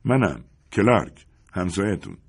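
A man's voice: deep voice, sing-song, creaky, breathy edge, full character voice. A man voicing a smug, mocking male neighbor who taunts with a sneer in a story reading. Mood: taunting. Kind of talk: audiobook character voice.

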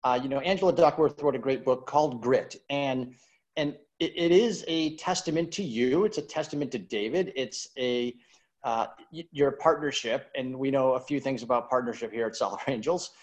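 A man's voice: medium pitch, normal speed, rough recording. A man hosting a virtual wine tasting over a video call, chatting in a rambling way and repeating words as he looks for what to say. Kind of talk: interview chat.

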